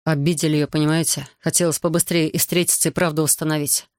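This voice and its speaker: A man's voice: a little high, flat delivery, fast talker, no room sound, clean studio sound, close to an everyday voice. A man reading a proud, hot-tempered officer. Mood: earnest.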